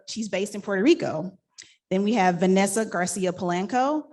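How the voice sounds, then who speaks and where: An upbeat woman hosts a live panel, moving through a scripted introduction and slipping in light laughing asides. Her voice sits at an ordinary middle pitch for a woman. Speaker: event host and moderator.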